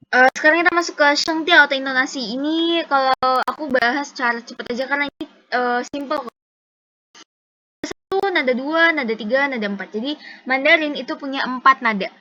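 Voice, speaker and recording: A woman with a high, bright voice gives a relaxed one-on-one Mandarin lesson. She models each syllable and tone slowly and patiently. The sound is dull and lo-fi. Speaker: Mandarin tutor. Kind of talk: casual one-on-one language lesson.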